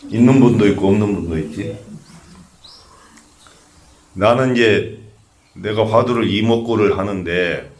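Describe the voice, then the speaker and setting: A man's voice: fairly low pitch, unhurried, pauses often, darkish tone. An older man, a Buddhist monk, giving a conversational sermon that asks the audience questions and tells humorous stories. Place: temple memorial service.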